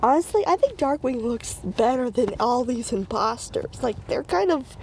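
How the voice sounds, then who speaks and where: A woman's voice: a little high, very animated, moderate pace, a little mellow, slight background noise, low-quality recording. A woman reading a children's storybook aloud, stumbling and repeating phrases, with casual asides. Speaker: reader.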